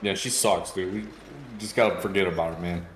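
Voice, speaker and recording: Low-voiced man in a roomy recording. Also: fairly even intonation, brisk, a bit bright. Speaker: tabletop game player. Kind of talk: casual slangy chat. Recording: roomy echo, faint music.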